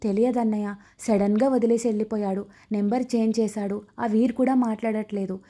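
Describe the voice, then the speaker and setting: A woman's voice: mid-range voice, fairly even intonation, brisk, warm tone, close to an everyday voice. A woman voicing a playful, teasing young woman in a storybook romance. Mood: sad. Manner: teasing, cheeky.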